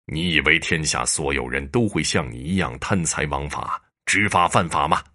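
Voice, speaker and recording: A man voicing a shrewd, calm male prefect judge who speaks in a dry, measured, sternly mocking way. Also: very deep voice.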